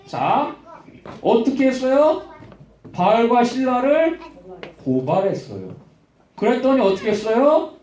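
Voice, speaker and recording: A man preaching a Sunday-school sermon, telling a Bible story with lively animation and quizzing the children by name. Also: very high-pitched, distant mic, a little hiss or hum. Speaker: children's pastor. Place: church hall. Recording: roomy church hall, voice from afar.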